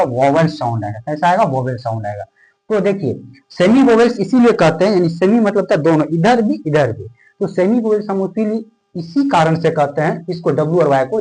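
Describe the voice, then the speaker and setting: Fairly high-voiced man teaching a class. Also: darkish tone, rough recording. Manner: asks questions and answers them himself, repeats key terms; stretches words out slowly while writing. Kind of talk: classroom board lesson.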